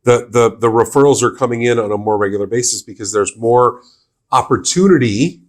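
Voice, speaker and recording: A man hosting a relaxed podcast, his pitch mid-range for a man. He backs up his guest with quick agreement, then expands on her ideas in an easy conversational flow. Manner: affirming, frequent agreeing interjections. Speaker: podcast host.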